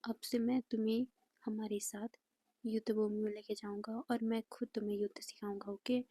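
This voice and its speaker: A man's voice: high-pitched, flat delivery, normal speed, dark tone, no echo. A woman voicing a protective, worried warrior. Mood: concerned.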